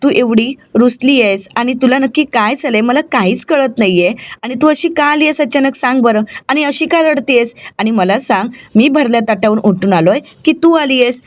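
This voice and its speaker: A woman's voice: a little high, moderate pace, few pauses, natural voice. A woman reading the lines of a cheerful young husband who coaxes and teases his wife in a retold TV serial. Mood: coaxing.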